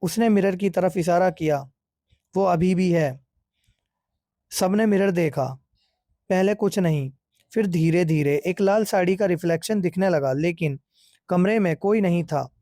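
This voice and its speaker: A man narrating a scripted horror story in a steady, suspenseful way. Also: high voice, moderate pace, no room sound, studio quality.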